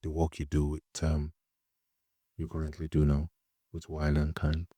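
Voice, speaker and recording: Very deep, dark-voiced male host. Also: husky, dry recording, clean studio sound. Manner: calm, brief backchannels and measured questions. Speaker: podcast host. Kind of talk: interview questions.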